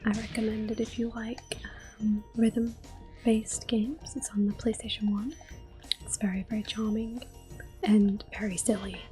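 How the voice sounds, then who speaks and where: An ASMR host whispers softly and breathily while she plays a video game, her mid-range voice staying fairly level in pitch. The sound is dark and mellow, the pace gentle and unhurried, with quiet music behind her.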